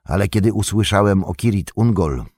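A man voicing a grave, weary old wizard in an audiobook, deep and measured. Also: a little mellow, dry recording, clean studio sound. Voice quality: deep, slow and measured, drops to a whisper. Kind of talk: audiobook reading.

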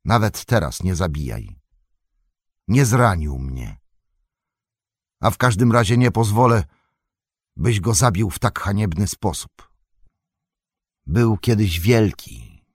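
A man voicing a young male hobbit who is calm, firm and merciful, speaking earnestly in an audiobook reading. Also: fairly low pitch, slow, pauses often, slightly rough, no room sound, studio quality, exaggerated voice. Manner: earnest and commanding, raised voice.

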